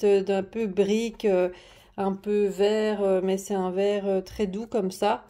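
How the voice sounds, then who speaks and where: This craft haul vlogger has a warm, medium-pitched voice as she shows paper pads in a casual show-and-tell at her home desk. Her chatter is hesitant, packed with fillers and restarts, and the camera on the desk moves closer and back.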